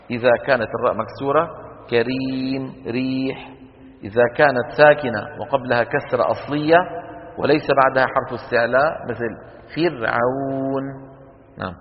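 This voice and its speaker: A man teaching Quran recitation rules to a class, quizzing students with quick questions and chanting the examples slowly. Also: mid-range voice. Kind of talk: classroom lesson on tajweed rules. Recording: dull lo-fi recording with long hall reverb.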